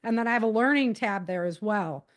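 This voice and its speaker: A middle-aged American woman with a medium-pitched, brisk voice answers interview questions conversationally. She's a podcast guest, an author and a self-defense teacher, and she speaks in an earnest, emphatic, informal way.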